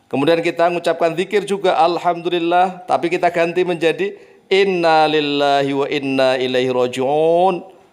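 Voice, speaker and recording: Man giving a gentle Islamic talk. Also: a little high. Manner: drawn-out, soft chanting of Arabic phrases. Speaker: Islamic preacher and teacher. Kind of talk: religious talk.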